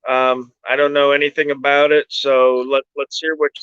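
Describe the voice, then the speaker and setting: A man's voice: mid-range voice, flat delivery, moderate pace, fairly bright tone, smooth, no room sound, dull audio. A man hosting a casual livestream, chiming in with agreement and reading viewer comments aloud. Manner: affirming, reads viewer comments. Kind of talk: casual group chat.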